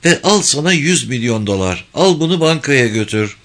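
A man's voice: medium pitch, lively intonation, normal speed, fairly bright tone, voice pushed up, natural voice. A man voicing a determined woman, a former judge, speaking firmly in a raised voice.

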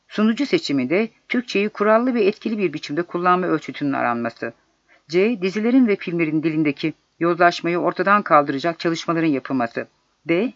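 This is an exam prep narrator, a man with a high voice, going through questions and solutions in a slow, deliberate reading. The recording sounds dull and lo-fi and is entirely dry.

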